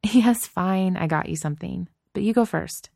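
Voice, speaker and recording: A woman's voice: medium pitch, moderate pace, creaky, warm tone, no room sound, pitched above the performer's own voice. A woman voicing a wry young woman who trades dry, teasing banter in a romance audiobook. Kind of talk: audiobook character voice.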